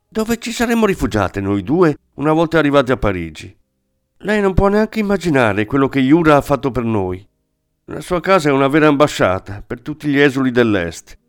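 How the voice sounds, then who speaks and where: An earnest young exile woman, as a male audiobook reader puts her on. She pleads gently and insistently, her lines lifted noticeably higher than the narration. Faint music runs underneath. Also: clean tone, no room sound, studio quality.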